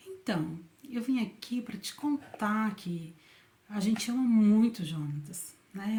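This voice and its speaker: A woman's voice: medium pitch, darkish tone. A middle-aged Brazilian woman shares a personal faith story in a conversational way, often ending her phrases with a questioning tag. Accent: Brazilian Portuguese. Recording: roomy echoey room.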